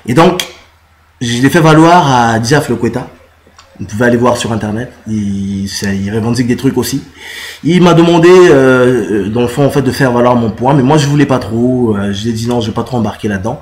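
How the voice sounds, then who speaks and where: Man from the Congo, casual explanation to camera, many pauses and fillers, medium pitch. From Republic of the Congo. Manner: halting, many "euh" fillers and restarts. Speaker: musician and citizen activist.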